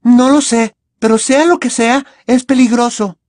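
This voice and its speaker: Hermione: man doing a shrill, tense schoolgirl witch. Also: fairly even intonation, measured pace, a little mellow, no echo, studio quality. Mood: brisk. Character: frightened, insistent teenage schoolgirl witch.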